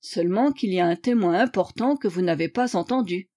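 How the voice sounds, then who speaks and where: A woman's voice: mid-range voice, brisk, warm tone, lightly acted. A woman voicing Sherlock Holmes as a shrewd, playful male detective in an audiobook, courteous and wry. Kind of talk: audiobook character reading.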